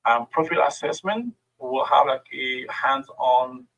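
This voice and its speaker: Over a video call, a middle-aged man with French as his first language and a French accent delivers a friendly workshop presentation full of fillers, appearing as a guest speaker. He talks unhurriedly in a mid-range, fairly bright voice, though the audio sounds dull.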